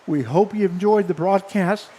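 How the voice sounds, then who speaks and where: A man broadcasting baseball, signing off live from the press box, speaking haltingly and earnestly with many fillers, emotional and choked up. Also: sits high, dark tone, breathy edge. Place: press box above a ballpark. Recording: long hall-like reverb.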